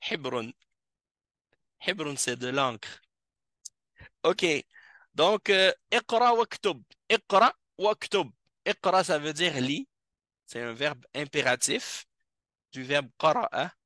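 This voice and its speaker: A patient male teacher giving a classroom language lesson, saying each word again and again at an unhurried pace. His voice is bright and forward. The sound is close and dry, with little room echo. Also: fairly high pitch, lively intonation. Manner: patient, repeats each word several times. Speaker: Arabic teacher. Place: mosque classroom.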